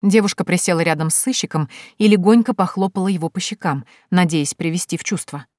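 A woman narrating an audiobook in a measured, even manner. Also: lowish voice, no room sound, studio quality. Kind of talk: scripted narration.

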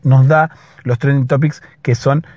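A hoarse man hosting a casual solo podcast, explaining patiently and often checking in with his listeners. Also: mid-range voice, steady tone, unhurried, a little mellow, dry recording. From Latin America. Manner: explanatory, keeps checking in with a questioning "right?". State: hoarse, slightly husky voice. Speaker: podcast host.

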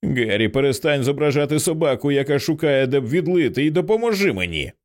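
A man's voice: a little high, very animated, fast talker, pitched above the performer's own voice. Man reading a wounded woman barking orders. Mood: furious. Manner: harsh, commanding.

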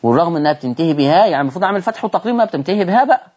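A man with an Egyptian accent teaching Quran recitation on a televised lesson, animated and often asking his listeners rhetorical questions. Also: sits high, very fast, muffled recording. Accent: Egyptian Arabic.

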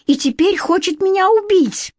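Spoiled young storybook queen, shrill and whiny, woman reader, high voice, dry booth sound. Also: normal speed, darkish tone, no room sound. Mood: shrill indignant. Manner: shrill, pleading and indignant.

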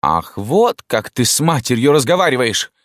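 A man's voice: mid-range voice, very animated, normal speed, no room sound, clean studio sound, pitched above the performer's own voice, lightly acted. A man reading an audiobook voices a dignified middle-aged mother who answers curtly and coolly. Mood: indignant. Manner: curt, cool.

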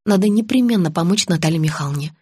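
A young woman narrating a first-person audiobook in a lively storytelling voice and voicing the dialogue. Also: lowish voice, quick pace, husky, dry recording, clean studio sound.

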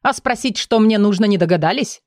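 A woman's voice: mid-range voice, fairly quick, darkish tone, dry recording, clean studio sound, close to an everyday voice. A woman reading an audiobook and voicing a rude, hot-tempered mad male mage who barks scornfully. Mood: ranting. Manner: barking, scornful.

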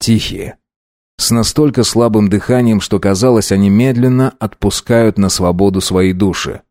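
A man narrating an audiobook in a steady, measured way. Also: on the low side, no echo, studio quality.

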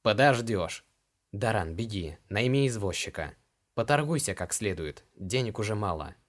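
An earnest young hero, as a male narrator reads him talks in a plain, low voice. He sounds earnest and a little flustered. It is audiobook dialogue. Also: expressive, normal speed.

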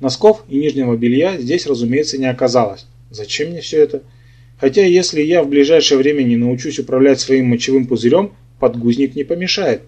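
A man's voice: mid-range voice, mellow, breathy edge. A man narrating a humorous fantasy audiobook in the first person with a wry, sardonic delivery, in a dull lo-fi recording.

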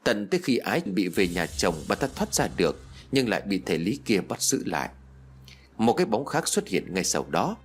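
A man's voice: fairly low pitch, very animated, moderate pace, slight background noise. A man reading a ghost story aloud in dramatic, scripted narration. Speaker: audiobook narrator.

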